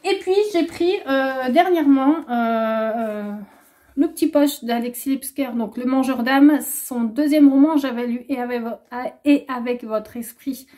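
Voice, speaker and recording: A young booktuber chats casually through a book haul vlog, rambling and hesitating often with lots of filler "euh"s. Her voice sits high with a dark tone, and she takes her time.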